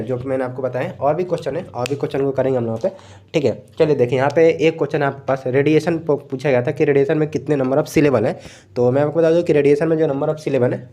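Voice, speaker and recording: Young indian guy tutoring, mellow kinda high voice, laid back, keeps saying "thik hai". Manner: relaxed, repeats "thik hai" often, mixes in English words. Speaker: exam coaching teacher. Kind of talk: casual explanatory lecture.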